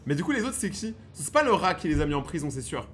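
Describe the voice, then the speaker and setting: A man's voice: on the high side, sing-song, quick pace, a bit bright, slight background noise. A young man giving casual, slangy, joking running commentary as he reacts to horror footage. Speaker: reaction video host.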